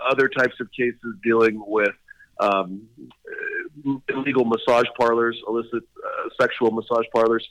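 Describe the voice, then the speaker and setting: This middle-aged man from Hawaii and Southern California is a state attorney general appearing as a guest on a radio interview. His mid-range, fairly bright voice halts often, full of fillers and restarts, on a dry, lo-fi recording.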